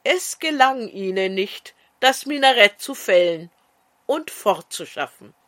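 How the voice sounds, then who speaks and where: A woman storyteller narrating a fairy tale in an expressive, sing-song way. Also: mid-range voice, a little slow.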